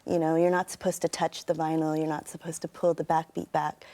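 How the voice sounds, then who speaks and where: A woman in middle age speaks in a somewhat low voice with a standard American accent. She gives conversational interview answers, laying out her thoughts in long, considered explanations. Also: flat delivery, brisk, dark tone. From United States. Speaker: interview guest, turntablist and sound artist.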